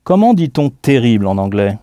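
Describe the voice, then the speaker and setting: Man, audio lesson teacher, mid-pitched, dry close studio sound, deliberate and clear. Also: sing-song, dark tone, no echo. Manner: clear, deliberate, spells out words letter by letter. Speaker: language teacher. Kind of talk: scripted audio language lesson.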